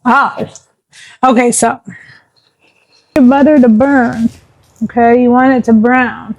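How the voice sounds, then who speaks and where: A woman's voice: fairly high pitch, takes it slowly, highs cut off. A woman chatting casually while showing how she cooks a recipe at home, with small asides. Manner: chatty, relaxed, talks to her pet mid-recipe. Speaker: home cook, vlogger. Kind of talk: casual cooking tutorial.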